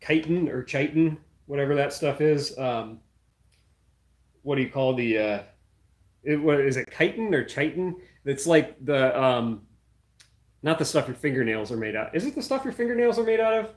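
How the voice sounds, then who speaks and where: A man's voice: mid-range voice, expressive, moderate pace, pauses often. A young man hosting a casual livestream from his home workshop, thinking aloud with many fillers while he works on a project. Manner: working hands-on while talking.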